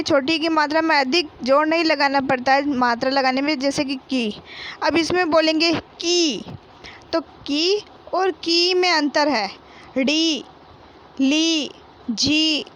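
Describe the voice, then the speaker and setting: A woman's voice: high-pitched, a bit bright, slight background noise. A woman teacher giving a children's reading lesson, spelling out words and drawing out each syllable, saying every word twice. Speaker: primary school teacher.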